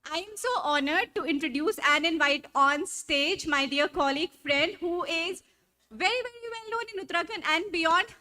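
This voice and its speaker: High-pitched North Indian woman, effusive stage host. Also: moderate pace, pushed and bright. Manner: effusive, gushing. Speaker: event host introducing panelists. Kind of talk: enthusiastic live stage presenting, mixing English and Hindi.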